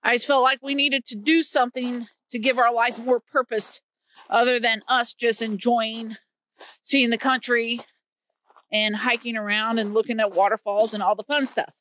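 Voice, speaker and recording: A woman in her fifties from Missouri, USA walks through winter woods beside a creek, talking earnestly and chattily into the phone she holds at arm's length for a casual vlog. She speaks at a moderate pace with a flat, slightly bright, higher voice. The recording is low-quality with slight background noise.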